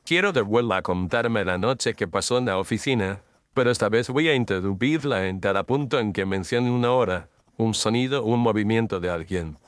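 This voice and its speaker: A man playing Sherlock Holmes as a composed, incisive Victorian detective, speaking formally and deliberately in an audio drama. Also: fairly low pitch, no echo, natural voice. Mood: probing, assured. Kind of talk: Spanish audio drama mystery acting.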